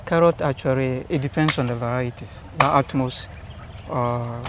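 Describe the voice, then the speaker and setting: A man on a school farm calmly explaining how the crops are grown, recorded outdoors. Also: mid-range voice, moderate pace, very noisy.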